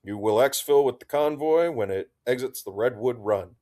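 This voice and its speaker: A man's voice: mid-range voice, expressive, moderate pace, mellow, natural voice. A man voicing an anonymous woman controller giving a formal, clipped radio briefing.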